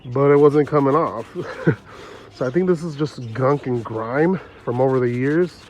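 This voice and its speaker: Out in a yard, a man with a stuffy nose talks to the phone he's holding as he works on a car, giving a casual how-to. His voice is medium-pitched and measured in pace, and he sounds relaxed, chatty, and quick to laugh, with some faint outdoor noise.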